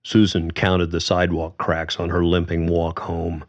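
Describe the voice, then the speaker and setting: A man narrating fiction in a measured, unhurried way. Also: deep voice, completely flat delivery. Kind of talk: fiction reading. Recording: slightly dull, muffled audio.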